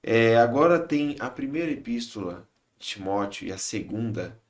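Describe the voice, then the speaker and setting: A man with a Brazilian Portuguese accent hosting a podcast, chatting in a relaxed, joking way and chipping in with short reactions. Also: mid-range voice, moderate pace. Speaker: podcast host. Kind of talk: casual chat.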